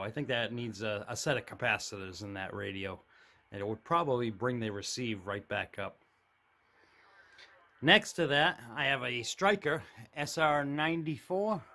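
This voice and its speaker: A CB radio hobbyist holds a handheld camera while giving a casual, unscripted tour of his radio shack, an indoor room lined with shelves of radios. He talks in a plain, matter-of-fact way, his medium-pitched voice a bit bright.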